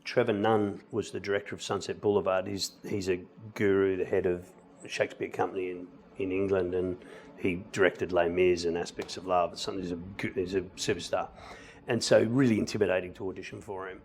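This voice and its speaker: A middle-aged man talks as a guest in a relaxed interview. He tells anecdotes in an easy, conversational way, slipping into little voices for the people he quotes. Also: sits low, brisk, slight background noise. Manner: animated storyteller, acts out quoted lines. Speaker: musical theatre actor, guest. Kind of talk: casual interview chat, telling anecdotes.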